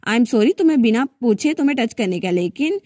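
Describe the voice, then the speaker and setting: A woman voicing a calm, gentle young man. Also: a little high, fast, no room sound, clean studio sound. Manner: soothing, polite.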